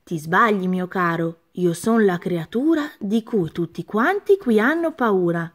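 A woman's voice: medium pitch, expressive, a little slow. A woman voicing a clever, cheeky little male mouse in a storybook reading, sly and self-assured.

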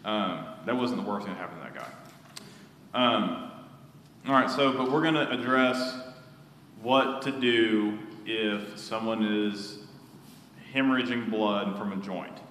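A man's voice: lowish voice, a little slow, a bit bright, a little hiss or hum. A man teaching a hands-on first aid class in a church hall, talking casually with fillers and restarts. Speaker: safety instructor. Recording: echoey hall with long reverb.

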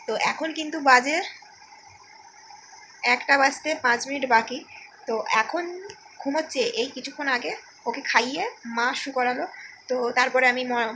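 A young woman talks to her viewers in a loose, rambling vlog, full of fillers and restarts. Her voice sits high. A faint hiss of household noise lies behind her. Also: fairly bright tone. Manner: chatty, with many fillers and restarts. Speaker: vlogger. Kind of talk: casual vlog chat.

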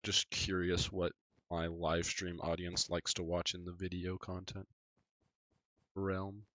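A man with a low voice gives casual, excitable commentary while he plays a game live. He talks straight to his chat between moments of play. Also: takes it slowly, dry recording. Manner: excitable, chatty, talking to chat while playing. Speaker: gaming live streamer.

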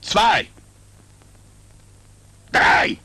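An actor playing a gruff, bossy German factory boss, a native German speaker with a raspy, barking voice, in a film comedy. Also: male voice, very slow, bright, forceful tone, no echo. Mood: threatening. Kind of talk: 1980s film comedy acting.

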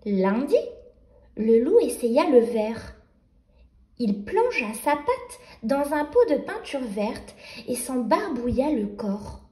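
Woman storyteller for children, unhurried gentle reading, echoey room sound. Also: high-pitched, big pitch swings.

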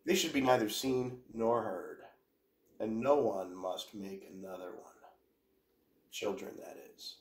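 A man's voice: lowish voice, a little slow. Man reading quotes with wry asides. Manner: reads quotes aloud then adds wry asides. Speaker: host reading quotations. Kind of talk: casual reading and commentary. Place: home during quarantine. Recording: roomy echo.

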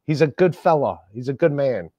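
A man's voice: mid-range voice, lively intonation, dark tone, slightly rough, no echo, lo-fi sound. A man hosting a casual podcast chat, swearing a lot and ranting when annoyed. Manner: profane, ranting, quick to anger. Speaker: comedian podcast host.

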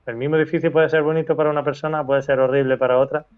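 A man guest in a casual interview, telling a story with lively quoted dialogue and laughter. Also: fairly high pitch, very fast, clean tone, narrow, tinny audio.

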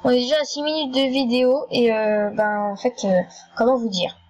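A gaming YouTuber with a high voice talks casually through an online game, getting excited and repeating herself often. Her commentary is full of stammers and restarts, and the recording quality is rough.

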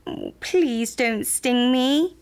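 Tiny eager frog boy, squeaky and apologetic, put on by a woman, slow puppet-show read. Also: expressive, smooth, exaggerated voice. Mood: pleading. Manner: high, earnest, apologetic. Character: tiny shy young male frog, eager.

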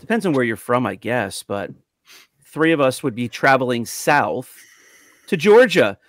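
A podcast host leads a lively, casual group chat about toys over a video call from a room at home. He has an upbeat, announcer-like delivery, with a medium-pitched voice that swings widely and a measured pace. There is no room sound, and faint music plays behind him.

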